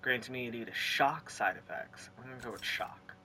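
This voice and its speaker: A gaming streamer giving let's play commentary, excitable and rambling, reading the game's text aloud between reactions. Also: medium pitch, fairly quick, slight background noise.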